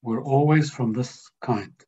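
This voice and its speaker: A man speaking to a group as a spiritual teacher, in a slow, deliberate and emphatic way. His voice is dark and slightly husky. The recording sounds dull and lo-fi. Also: medium pitch. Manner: slow, measured, emphatic delivery.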